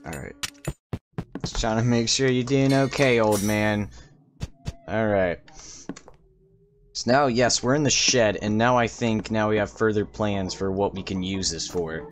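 A man's voice: fairly low pitch, a little slow, long pauses, faint music behind. A man giving casual, sweary game commentary in slangy language as he plays. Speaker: gaming video host.

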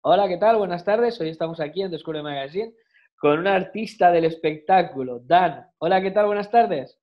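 A man's voice: high-pitched, normal speed, lo-fi sound. A man in his thirties hosting an interview over a video call, asking short questions and backing the guest with frequent murmurs of assent. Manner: brief questions, frequent "ujú" backchannel.

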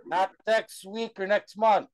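Firm man giving clear instructions. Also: high-pitched, fairly even intonation, slow pace. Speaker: club organizer. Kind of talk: announcements.

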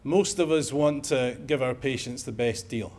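A mid-range, darkish male voice at a moderate pace belongs to a middle-aged emergency medicine professor from Scotland. Lecturing at a conference in a lecture room, he speaks with a Scottish accent and tosses in wry jokes.

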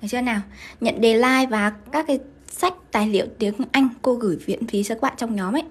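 A Vietnamese woman teaches English grammar live, her high voice moving briskly through the exercises. She keeps checking in with her audience as she works. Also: breathy edge. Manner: brisk, keeps asking students to confirm. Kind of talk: live-streamed grammar lesson.

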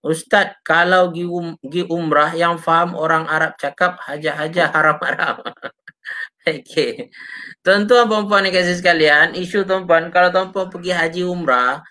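Malaysian male religious teacher, bright forceful tone, casual chatty lesson that keeps checking in with viewers. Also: a little high. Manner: chatty, often addresses listeners, punctuates with short "ha, ya" tags; reads out and answers viewer comments. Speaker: Islamic teacher. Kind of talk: casual live teaching talk.

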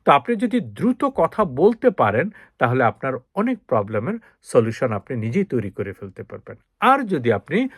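A man's voice: medium pitch, moderate pace, slightly rough, no room sound, studio quality. A man, an English teacher giving a lesson, explaining patiently and speaking straight to the viewer. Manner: drills example sentences in a steady repetitive rhythm. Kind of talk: spoken language lesson.

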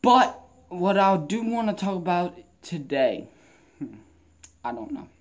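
A man's voice: sits high, big pitch swings, measured pace. A young man chatting casually in a rambling vlog, his speech slightly muffled by a lip full of dipping tobacco. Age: young adult. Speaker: vlogger. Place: mostly inside a wooden garage or shed with an open door. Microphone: camera at arm's length.

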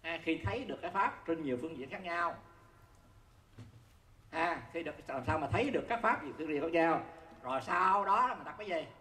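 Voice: mid-range voice, lively intonation, fairly quick, bright, forceful tone. A Buddhist teacher gives a conversational dharma talk to an audience, often asking listeners whether they see the point and chuckling while explaining. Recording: roomy echo with faint background noise.

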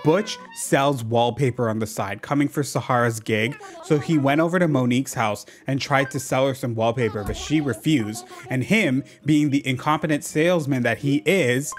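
A man commenting over a cozy life-sim game, sarcastic and playful, teasing the characters. His voice sits in a middle pitch, and light game music plays faintly behind him. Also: normal speed, few pauses. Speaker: gaming channel host. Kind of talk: let's play commentary.

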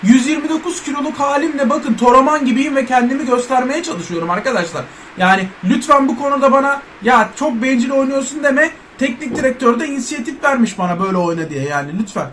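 Excitable male gaming commentator, high voice, shouts and trash-talks teammates, faint background noise. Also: quick pace, hardly any pauses. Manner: jokes as an overweight footballer in first person. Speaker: gaming YouTuber. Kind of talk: excited live gameplay commentary.

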